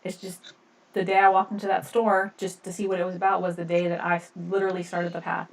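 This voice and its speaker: A woman's voice: lowish voice, little pitch movement, fast, distant mic. Woman chatting casually on a live stream. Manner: rambling, laughs often. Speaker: podcast co-host.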